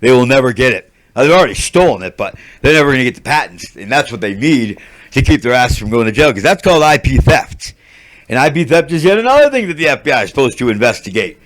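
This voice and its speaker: A man's voice: mid-range voice, sing-song, fast talker. A man hosting his own channel, ranting unscripted about a grievance, agitated and swearing, with many restarts and fillers. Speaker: channel host. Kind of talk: unscripted rant to camera.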